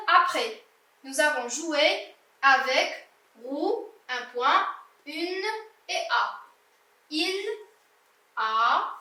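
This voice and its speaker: Young woman, primary teacher, patient letter-by-letter spelling, slow pace, echoey distant sound. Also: sits high, pushed and bright. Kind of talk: slow classroom exercise correction.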